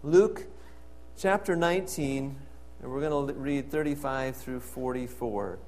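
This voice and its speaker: A man's voice: mid-range voice, measured pace, a little mellow. A man preaching a sermon as pastor, reading scripture and pressing repeated questions with emphasis.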